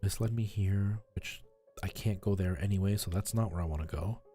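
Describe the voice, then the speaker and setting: Brisk and mellow, this low male voice belongs to a live game streamer who talks casually and informally, wandering into asides for his viewers and passing along tips. Faint music sits in the background.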